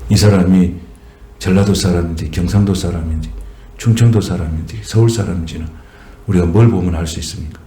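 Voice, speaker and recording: A man with a Jeolla Korean accent preaching a sermon as a pastor, swelling higher and slower on key phrases. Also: steady tone, mellow, a little hiss or hum. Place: church sanctuary. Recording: echoey church room.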